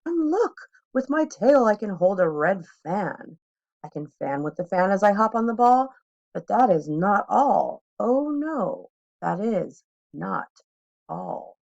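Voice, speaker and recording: Here is a playful, boastful storybook cat played by a woman reading aloud. The delivery is showy and coaxing, with very lively intonation and some creak. The recording is a little dull. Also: mid-range voice, slow, exaggerated voice. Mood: boastful, excited. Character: boastful, playful male trickster cat in a hat. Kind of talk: children's storybook read-aloud.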